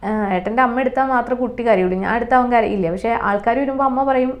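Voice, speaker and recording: Young woman, earnest, emotional, personal testimony, slightly high voice. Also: very fast. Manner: earnest, emotional, lively, with many restarts and repetitions. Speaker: mother sharing her experience. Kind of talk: personal testimony, casual monologue.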